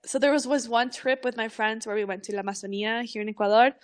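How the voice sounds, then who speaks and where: Animated, laughing young woman storyteller. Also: a little high, quick pace. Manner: animated storytelling, laughs often, swears freely. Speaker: podcast co-host. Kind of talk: casual podcast chat.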